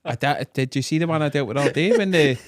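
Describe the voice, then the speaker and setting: A Scottish man co-hosting a podcast in casual comic banter, animated and freely swearing. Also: a little high, racing, noisy background. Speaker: podcast co-host.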